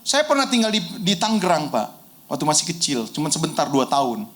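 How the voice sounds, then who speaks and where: Lively, high-voiced male pastor preaching. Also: a little fast. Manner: animated storytelling, shouting at peaks, colloquial Jakarta slang. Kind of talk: sermon.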